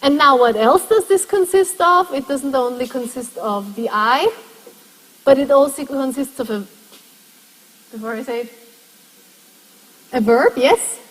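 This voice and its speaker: With a high voice, lively intonation, and a measured pace broken by frequent pauses, a woman lectures her university class. She explains step by step and quizzes the students, all within the long echo of a lecture hall.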